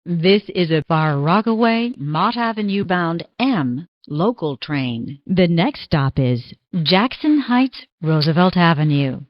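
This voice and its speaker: A woman making formal, measured train station announcements, her recorded words spliced together one by one. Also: lowish voice, expressive, dry recording. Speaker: transit announcer. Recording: dull lo-fi recording.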